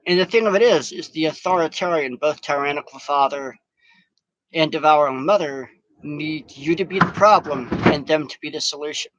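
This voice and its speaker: A man's voice: a little high, moderate pace, fairly bright tone, muffled recording. A man recorded outdoors in strong wind, giving a rambling, profane vlog monologue. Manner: profane, ranting.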